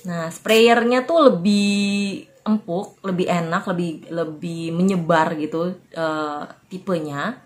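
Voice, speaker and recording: A woman's voice: fairly low pitch, steady tone, takes it slowly. A young woman hosting a casual perfume review vlog, talking in a chatty, informal way with many fillers. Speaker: perfume reviewer, channel host.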